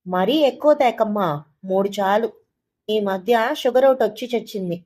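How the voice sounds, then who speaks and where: A woman storyteller voicing a sly, sarcastic older male moneylender who drawls and flatters. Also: mid-range voice, normal speed, lightly acted. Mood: drawling.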